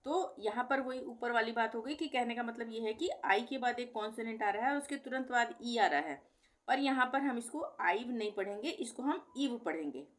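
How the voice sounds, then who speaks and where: A middle-aged woman teaches an explanatory pronunciation lesson at a moderate pace, her voice a little high with lively intonation. She patiently repeats example words and asks questions only to answer them herself.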